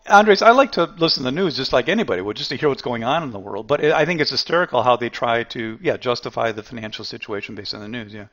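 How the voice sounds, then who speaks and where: A middle-aged man teaching trading in a live webinar, talking straight to his viewers and chat, animated and laughing at his own points. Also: mid-range voice. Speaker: trading educator.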